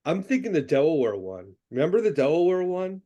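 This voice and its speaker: A man interviewing a guest in a casual chat, speaking in a relaxed, measured way. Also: a little high. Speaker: interviewer, journalist.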